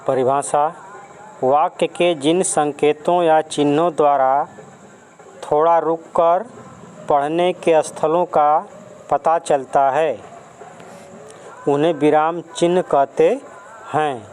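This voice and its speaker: A man gives a grammar lesson to a class of children, spelling out definitions and examples one by one. His voice sits a little high. He speaks very slowly and deliberately, turning often to address the pupils. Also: fairly even intonation, darkish tone, slight background noise, rough recording. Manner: slow, careful explaining with definitions and examples. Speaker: teacher. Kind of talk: Hindi grammar lesson for schoolchildren.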